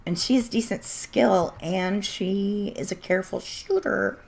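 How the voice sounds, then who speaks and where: An unhurried woman with a gravelly, darkish mid-range voice chats on a game stream. Her talk is casual and blunt, she laughs often, and her voice is starting to go.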